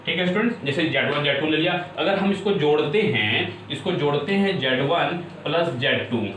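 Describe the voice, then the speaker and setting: A man's voice: fairly high pitch, expressive, normal speed, a bit bright. A male maths teacher giving a video lesson, constantly addressing the students and asking if they understand. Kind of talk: classroom-style video lesson. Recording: echoey room, distant mic, faint noise.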